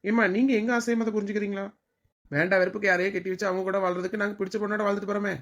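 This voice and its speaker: A woman's voice: mid-range voice, level tone, very fast. A performer playing a son, pleading and arguing with his parents in a family sketch. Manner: pleading, argumentative. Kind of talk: family comedy sketch acting.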